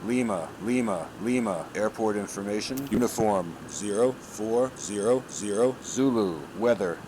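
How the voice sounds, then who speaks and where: A man's voice: on the low side, noisy background. Synthetic male airport weather broadcast. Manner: slow, even, read out item by item. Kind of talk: computer-read airport weather report.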